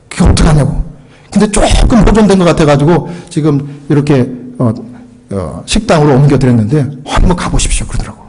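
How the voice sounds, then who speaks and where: A man's voice: fairly high pitch, a little mellow, slightly rough, poor audio. A middle-aged man from Korea preaching as a pastor, telling a story and acting out the dialogue, sometimes switching into English phrases. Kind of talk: sermon storytelling.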